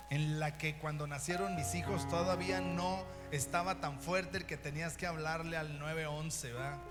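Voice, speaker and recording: A middle-aged man with a Mexican Spanish accent, preaching an animated sermon as pastor and mimicking children and parents. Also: on the high side. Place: church hall. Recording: long reverb in a church hall, music behind.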